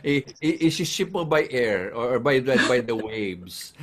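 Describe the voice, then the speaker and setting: A man's voice: mid-range voice, animated, a little slow, background noise. A man hosting a live online chat, switching between Tagalog and English and reading out the names of viewers. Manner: chatty, greets viewers by name. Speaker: host. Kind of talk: live-streamed casual chat.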